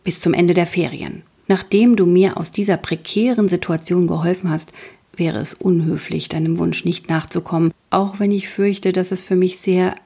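A woman's voice: fairly low pitch, steady tone, normal speed, vocal fry, dark tone, breathy edge. A woman voicing a bashful adult male detective who stammers and mumbles, in an audiobook. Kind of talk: audiobook character voice.

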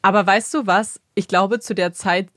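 Woman co-host, chatty and warm-hearted listener, mid pitch, dry close recording. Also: steady tone, dry recording. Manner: chatty, quick to laugh and chime in. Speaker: podcast co-host. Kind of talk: casual podcast chat.

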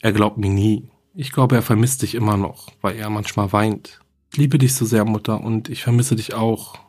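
A man reading the part of a lonely, grieving young girl who writes to her dead mother in her diary. The voice is low and husky. The delivery is quiet and earnest, like a scripted horror reading. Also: fairly even intonation, normal speed, lightly acted. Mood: wistful.

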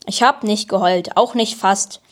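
A woman's voice: medium pitch, a little slow, close to an everyday voice. A woman voicing a stubborn boy who wants to be a monster hunter, grumpy and panting.

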